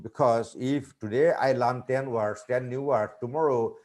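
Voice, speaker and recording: A middle-aged man gives a teaching webinar over a video call, his voice at an ordinary pitch. He talks in a measured, teacherly way, pausing on fillers and repeating key points. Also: fairly even intonation, a little mellow. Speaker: guest speaker on teaching. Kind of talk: webinar answering questions.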